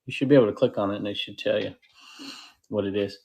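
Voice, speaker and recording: A man hosting a casual livestream, rambling and interrupting himself, with sudden excited bursts. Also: lowish voice, fast, gravelly. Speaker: host of a live selling platform stream.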